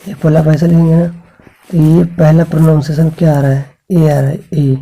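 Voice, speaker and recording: With a mellow, slightly high voice, a man speaks at normal speed in a level tone, recorded in low quality. His English grammar lesson for school students has him patiently spelling out sounds, checking in with the class over and over, and asking questions he answers himself.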